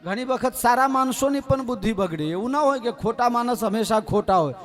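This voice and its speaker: A man's voice: extremely high pitch, lively intonation, a little fast, soft background music. A man from Gujarat preaching a devotional scripture story, with humorous asides to the audience. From Gujarat, India. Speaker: katha preacher.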